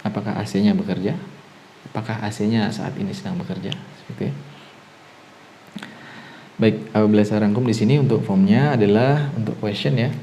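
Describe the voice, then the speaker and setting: A male teacher with a low, gravelly voice and an Indonesian accent, walking through grammar points slowly and methodically. His tone is dark and relaxed, and nearly every phrase closes with a short confirming "ya". A faint hiss of background noise sits under the recording. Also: highs cut off. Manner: explains step by step, tags nearly every phrase with "ya". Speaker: English teacher. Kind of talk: online grammar lesson.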